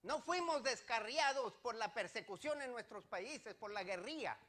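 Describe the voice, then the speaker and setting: High, bright-voiced preaching man. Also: lively intonation, normal speed. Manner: emphatic preaching with rhetorical questions to the congregation; swings between loud declarations and quiet asides. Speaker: pastor. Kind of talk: sermon.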